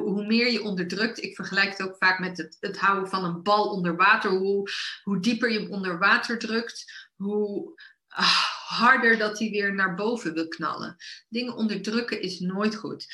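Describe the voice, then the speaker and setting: Bright-voiced woman coaching in an echoey room. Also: mid-range voice. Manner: coaching, many fillers and restarts, acts out inner voices. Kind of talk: casual talk.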